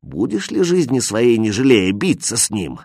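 A man's voice: mid-range voice, very animated, gravelly, a little mellow, no room sound, studio quality. A man voicing a grave little magical old man. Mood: warning. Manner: slow, grave, warning.

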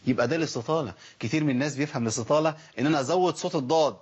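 A man with an Egyptian Arabic accent gives a spoken Quran recitation lesson, asking rhetorical questions and sounding out letters. His voice is fairly high, racing, darkish in tone with a breathy edge. The recording is dull and lo-fi.

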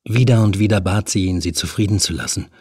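A man narrating a horror audiobook in a measured, even storytelling manner. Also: low-pitched, slightly rough, no room sound, clean studio sound.

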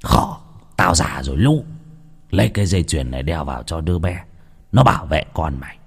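A man voicing an old village shaman who gives stern, gruff orders slowly. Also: rumbling low, lively intonation, voice pushed down, full character voice. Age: older. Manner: slow, stern, gruff commands. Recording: long reverb.

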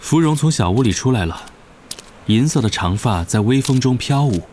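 A man reading a novel aloud as narrator, in a steady, even storytelling manner. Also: medium pitch, normal speed, slight background noise. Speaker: audiobook narrator. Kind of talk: scripted narration.

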